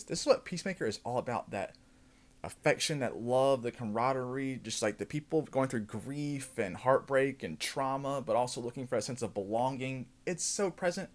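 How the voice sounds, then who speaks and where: A man hosting his own show, casually recapping a TV episode with loose, enthusiastic commentary and plenty of fillers. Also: medium pitch. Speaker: show host.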